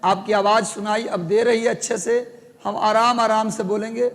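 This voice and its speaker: A man's voice: high voice, level tone, normal speed, fairly bright tone, long reverb tail. A man teaching a live class, dictating and joking with students, his voice strained by a sore throat, with a Bihari Hindi accent.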